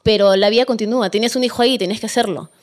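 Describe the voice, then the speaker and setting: A woman's voice: on the high side, fairly even intonation, racing. A Peruvian woman, a guest on a podcast, telling her own story in a casual interview, candid and emphatic.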